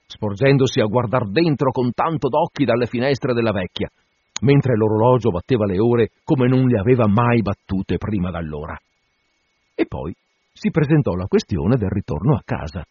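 A male narrator reading a classic tale with expressive storytelling. His voice is husky and moves in lively rises and falls. The recording sounds dull and dry. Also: lowish voice, no echo. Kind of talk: scripted literary reading.

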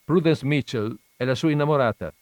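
A man's voice: medium pitch, a little fast, no echo, voice pushed up, lightly acted. A man doing an eager teasing farm boy. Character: teasing boy, a farmer's son.

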